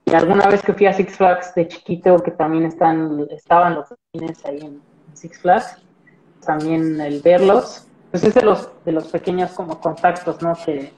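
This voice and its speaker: Mellow-voiced young Mexican man rambling. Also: on the high side, normal speed, low-quality recording. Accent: Mexican Spanish. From central Mexico. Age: young adult. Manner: relaxed and rambling, many fillers and tag questions. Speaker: guest, marine biologist. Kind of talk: casual video-call interview chat. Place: small indoor room with plain wall. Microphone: laptop video call.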